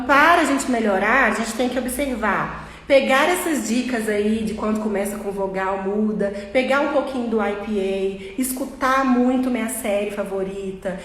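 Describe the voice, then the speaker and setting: A woman in her thirties with a Bahian Brazilian accent, giving a casual, jokey English lesson and repeating sounds to model pronunciation, recorded in an echoey room. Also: fairly high pitch. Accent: Bahian Brazilian Portuguese. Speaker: English teacher. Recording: echoey room with long reverb.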